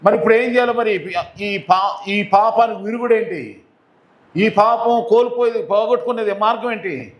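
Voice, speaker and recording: A man's voice: high voice, normal speed, echoey room, muffled recording. A man preaching a sermon, repeating key words emphatically and asking the congregation questions. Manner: repetitive, emphatic preaching with call-and-response questions. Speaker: pastor. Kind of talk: Telugu sermon.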